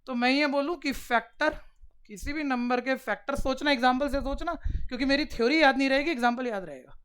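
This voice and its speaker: A man teaching maths to a class, coaxing the pupils along with quick direct questions. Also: very high voice, fairly bright tone, clear, resonant tone. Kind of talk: classroom lecture.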